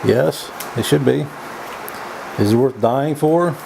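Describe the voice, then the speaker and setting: A man giving a casual, opinionated vlog monologue in a folksy, halting way, often repeating his words as he goes. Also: medium pitch, gravelly, noisy background. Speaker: vlog host. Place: indoors.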